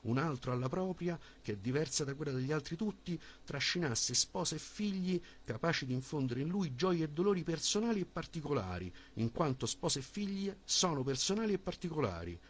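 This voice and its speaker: A man reading a philosophical dialogue as an audiobook in a measured, formal voice with a husky tone. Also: on the high side, animated. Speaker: audiobook reader.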